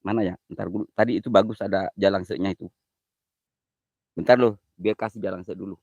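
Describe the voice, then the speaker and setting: A man's voice: deep voice, steady tone, brisk, gravelly, a little mellow, breathy edge, dry recording. A man hosting a casual live stream, giggly and easily flustered, mixing slang with broken English.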